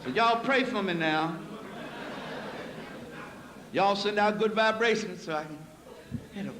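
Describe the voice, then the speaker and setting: A man giving a live lecture to an audience, folksy and preacherly, dropping low for asides and rising to emphatic points. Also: unhurried, a bit bright. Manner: folksy, addresses audience as y'all. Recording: echoey hall recording with faint noise.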